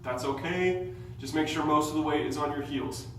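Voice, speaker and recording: A man coaching a workout from across a very echoey room, his voice sitting fairly high for a man. He calls out positions in short, clipped cues, breathing hard between moves. The mic is well away from him, with a faint hum behind. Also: moderate pace, far from the mic. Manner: cueing steps in short commands. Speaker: fitness instructor. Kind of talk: workout tutorial.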